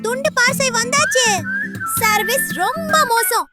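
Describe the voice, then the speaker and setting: A squeaky, cheeky cartoon puppy. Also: female voice, a little slow. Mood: grumbling. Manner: wisecracking, grumbling one-liners. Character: cheeky young male pet puppy, joking, bossy. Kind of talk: cartoon dubbing. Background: loud children's music.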